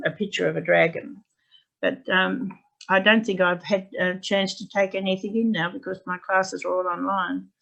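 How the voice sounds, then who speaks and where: A woman's voice: on the low side, creaky, fairly bright tone. A woman English teacher telling a classroom story to fellow teachers, chatty and rambling, speaking from home on a video call. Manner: chatty, rambling, with fillers and restarts. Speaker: English language teacher presenting. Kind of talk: anecdotal presentation to teachers. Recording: dull lo-fi video call audio.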